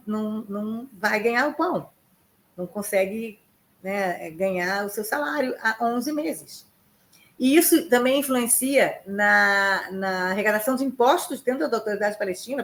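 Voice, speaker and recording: A woman reporting as a news correspondent in a relaxed, conversational way. She stops and restarts often and fills gaps with small hesitations. Her pitch sits in an ordinary middle range. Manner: halting, many restarts and fillers.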